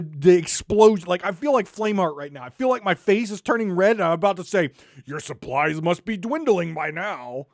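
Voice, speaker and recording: A podcast host in full rant, sarcastic and exasperated, talking straight into a microphone. The voice leaps up and down with a very lively pitch. The sound is dry and close, with no room around it. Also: no echo. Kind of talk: ranting podcast monologue.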